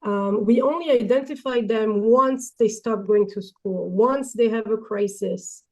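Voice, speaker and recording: A woman with a light, delicate voice hosts an online talk, introducing it hesitantly with many pauses. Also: on the high side, a little mellow, rough recording. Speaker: webinar host.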